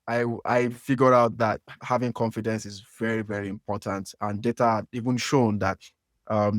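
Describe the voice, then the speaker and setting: With a fairly low-pitched voice and a Nigerian accent, a man from Nigeria runs a conversational podcast interview. His questions are long and full of restarts and fillers, and the clean studio recording has no echo.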